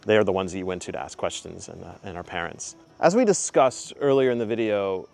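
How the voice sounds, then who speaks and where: With faint music in the background, a young American channel host gives heartfelt spiritual advice, earnest and casual and peppered with ums and uhs. His low voice is gravelly yet a little mellow, expressive, and fairly quick.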